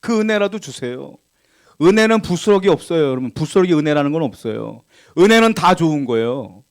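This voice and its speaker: A man preaching as a pastor, asking the congregation questions, reading scripture aloud, and swinging between loud emphatic lines and quiet asides. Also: high voice. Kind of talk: sermon. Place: church.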